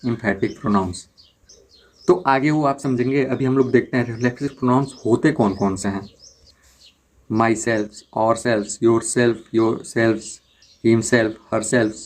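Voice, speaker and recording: A man at a middle pitch teaches English grammar in Hindi. He asks his class a question, then answers it himself. When he reaches an English example he slows right down and says it word by word.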